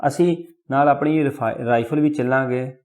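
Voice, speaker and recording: A man's voice: mid-range voice, steady tone, normal speed, darkish tone, natural voice. A man doing a courteous, tipsy older clerk. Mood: eager. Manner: courteous, businesslike. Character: polite older bald male office clerk, tipsy.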